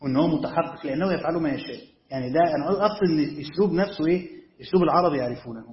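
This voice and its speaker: Egyptian man, sheikh giving a lesson, fairly high voice, roomy echo, muffled lo-fi sound. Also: racing, a little hiss or hum. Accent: Egyptian Arabic. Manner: explains step by step, checks understanding with questions. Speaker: sheikh teaching Quran commentary. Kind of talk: classroom lecture on a text. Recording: echoey room, dull lo-fi sound.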